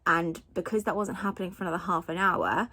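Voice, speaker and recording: A woman's voice: lowish voice, steady tone, fast talker, bright, forceful tone. A woman, chatting casually to camera in a rambling way with lots of fillers, recorded as a phone video held at arm's length. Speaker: family vlogger.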